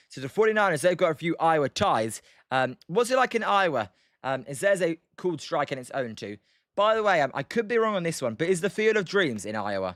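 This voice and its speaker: Speaking in a fairly high, somewhat bright voice, a young British streamer chats casually about the game while answering his viewers. His delivery wanders and stalls, heavy with um and uh, captured dry and studio-clean.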